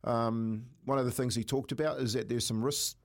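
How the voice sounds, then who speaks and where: A man with a broad New Zealand accent co-hosting talk radio in a halting, wordy, earnest way. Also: mid-range voice, steady tone. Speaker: radio co-host. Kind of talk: conversational radio commentary.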